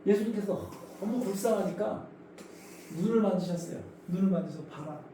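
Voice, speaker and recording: A man's voice: high voice, moderate pace. A male pastor preaching a sermon, telling the story vividly, acting out voices and asking the congregation questions. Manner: animated storytelling, acts out voices. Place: church sanctuary. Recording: echoey church hall from far off, faint noise.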